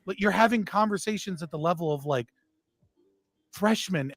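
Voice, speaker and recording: A man's voice: high-pitched, normal speed, fairly bright tone, no room sound. A man in a casual panel discussion, speaking bluntly and peppering his sentences with filler words. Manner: blunt, heavy use of 'like', sweary.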